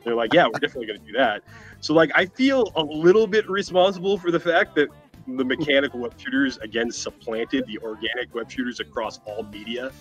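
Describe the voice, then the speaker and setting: A man with a mid-range voice, speaking a little fast, casually tells a story about his work as an animation professional while being interviewed as a guest. The audio is band-limited and dull, with faint music in the background.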